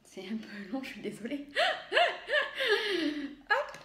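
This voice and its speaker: A woman's voice: extremely high pitch, wildly swooping pitch, extremely slow, sharp tone. Chatty woman in an echoey kitchen. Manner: chatty, hesitant, many fillers and self-corrections. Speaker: home cook demonstrating a recipe. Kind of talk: casual cooking tutorial.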